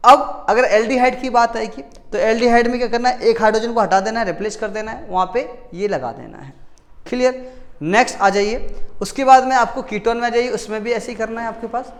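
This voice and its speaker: A man's voice: extremely high pitch, fairly quick. A man teaching a chemistry lesson in casual classroom talk, who asks a question and then answers it himself, repeats key words, and often corrects his own slips. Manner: frequent self-corrections.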